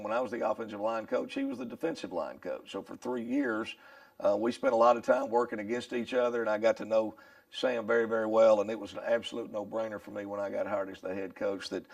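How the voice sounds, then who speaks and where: Give me a deep, gravelly man as a head coach in an interview, dry sound from a distance. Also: no room sound. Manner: measured, with many fillers. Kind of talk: interview answers.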